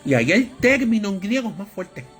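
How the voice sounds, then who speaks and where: A man preaching a Bible study sermon, with a lively storytelling manner that acts out voices in anecdotes. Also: high voice, a little fast, faint music behind.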